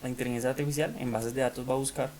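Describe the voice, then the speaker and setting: A man's voice: mid-range voice, steady tone, rapid-fire, a little mellow, slight background noise, low-quality recording. A man giving a recorded online lesson, talking in a hesitant way with many fillers and restarts. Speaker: teacher.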